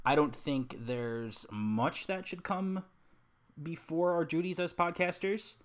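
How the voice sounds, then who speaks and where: A man co-hosting a podcast in casual chat, playful with deadpan jokes, recorded in an apartment. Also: on the high side, takes it slowly. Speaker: podcast co-host. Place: apartment with dimmed lights.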